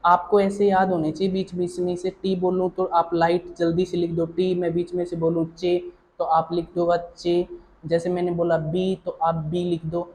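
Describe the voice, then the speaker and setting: Mellow-voiced patient male shorthand teacher. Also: high-pitched, monotone, moderate pace, rough recording. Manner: patient, repetitive, checks in with "theek hai na"; addresses students fondly as child or dear. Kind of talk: explaining a lesson.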